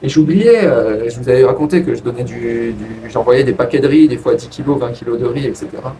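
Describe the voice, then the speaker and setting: A man casually telling a personal story to his viewers in a rambling way, with frequent restarts. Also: brisk. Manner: rambling, restarts, lively pitch jumps. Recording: distant from the mic with faint ambient noise.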